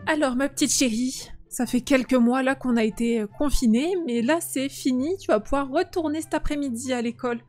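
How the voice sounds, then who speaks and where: A woman's voice: high voice, fairly quick, hardly any pauses, a little mellow, soft background music, natural voice. A woman voicing a fond, teasing mother in a game role-play. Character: doting gossipy mother.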